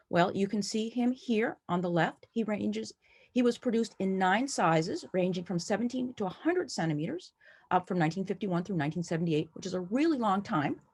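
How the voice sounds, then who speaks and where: With a medium-pitched, somewhat mellow voice, the American woman talks through her collection slides from home. She comes across as friendly, enthusiastic, and gently playful.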